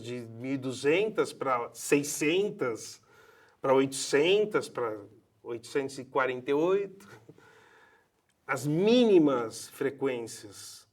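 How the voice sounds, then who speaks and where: A man in his fifties with a Brazilian accent, a voice doctor speaking in an expressive, emphatic way. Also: mid-range voice. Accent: Brazilian Portuguese. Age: 50s. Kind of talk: passionate promotional talk.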